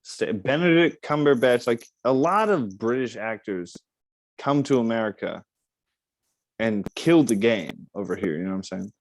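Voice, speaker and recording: A man's voice: mid-range voice, expressive, moderate pace, dry recording. A young man hosting a casual podcast chat, loose and profane, riffing and joking with his guest. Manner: loose, profane, riffing with put-on voices and bursts of laughter. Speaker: podcast host.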